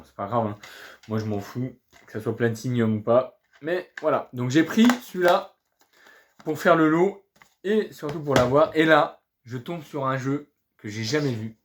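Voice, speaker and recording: A man's voice: mid-range voice, a little hiss or hum. A man talking casually in a vlog about things he found, chatty and upbeat, often restarting words and padding with fillers. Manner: chatty, hesitant, keeps restarting words and saying voilà; upbeat and pleased. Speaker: video game collector showing flea market finds.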